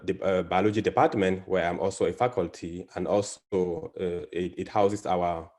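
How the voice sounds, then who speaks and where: Speaking over a video call, a male biology professor from Cameroon gives an academic presentation in a low-pitched voice with a darkish tone. He hesitates often, restarting sentences and leaning on fillers.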